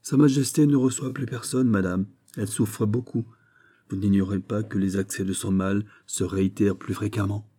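A man voicing a cold, calculating royal minister in an audiobook, measured and formal. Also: lowish voice, fairly even intonation, dark tone, natural voice. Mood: firm. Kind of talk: audiobook character reading.

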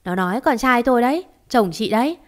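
Shrill bossy old mother-in-law, scolding, voiced by a woman narrator. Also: animated, fairly quick, close to an everyday voice. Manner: scolding, shrieking.

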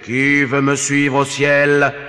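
A man's voice: mid-range voice, completely flat delivery, bright, forceful tone, big-room sound. A man voicing a cunning, playful master thief who talks slyly and theatrically. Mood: solemn. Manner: sly, theatrical, slow and solemn when disguised. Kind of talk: storybook character voice.

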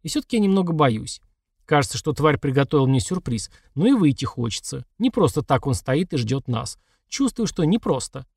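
A man's voice: on the high side, very animated, fairly quick, creaky, darkish tone, slightly rough, no room sound, studio quality. A man reading a first-person audiobook in a tense, matter-of-fact way. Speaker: audiobook narrator.

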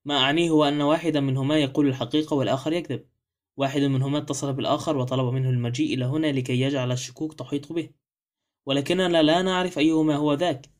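A man reads a sharp, confident young wife in an audiobook mystery. She reasons aloud briskly and firmly, in a slightly raised register. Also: on the high side, steady tone, close to an everyday voice. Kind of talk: audiobook character reading.

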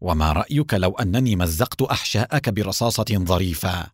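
A man voicing a calm, sarcastic male secret agent hero in an audiobook. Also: low voice, a little fast, no room sound, clean studio sound. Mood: calm mocking.

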